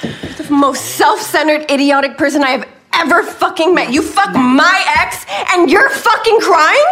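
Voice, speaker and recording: A woman's voice: high voice, expressive, a little slow, a bit bright. An actress playing a furious young woman confronting her best friend in a TV drama, swearing and accusing. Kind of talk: TV drama dialogue.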